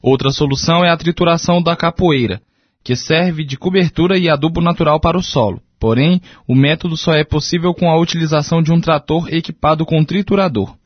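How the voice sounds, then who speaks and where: A man's voice: a little high, brisk, no echo. Male radio reporter, dry and lo-fi. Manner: even, read-aloud delivery. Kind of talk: scripted news narration. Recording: dry, dull lo-fi radio sound.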